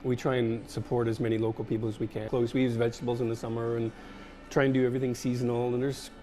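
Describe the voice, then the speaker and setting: A man who co-runs a café, talking in a relaxed, plain-spoken way in a casual interview. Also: medium pitch, fast talker, soft background music.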